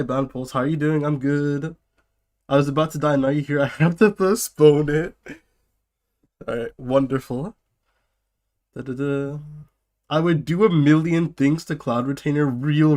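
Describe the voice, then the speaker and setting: A man's voice: fairly high pitch, fairly even intonation, unhurried, pauses often, a little mellow. A man sick with a cold chatting casually on a live stream, greeting viewers and breaking off to laugh and cough. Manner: laughs and coughs between phrases; chats loosely with viewers.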